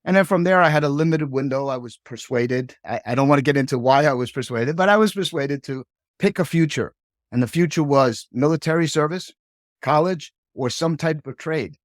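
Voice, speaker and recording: A man's voice: a little high, fairly quick, dry recording, clean studio sound. A middle-aged man from Hong Kong, a podcast guest, telling his career story in a chatty way and tagging many sentences with "right?". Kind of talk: casual storytelling.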